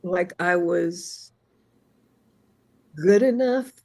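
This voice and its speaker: An older woman, raised around Philadelphia, talking candidly and reflectively as a guest, often halting mid-thought and laughing easily. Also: lowish voice, creaky, mellow, dry recording, rough recording. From born in Arizona, raised in Philadelphia area. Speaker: guest, radio jazz presenter. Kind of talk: candid interview conversation.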